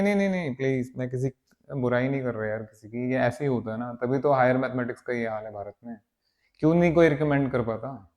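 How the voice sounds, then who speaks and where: In a medium-pitched, slightly mellow voice, a man gives an exam-prep maths lecture for an entrance exam. He encourages his students along, repeats words to stress them, and slips English phrases in.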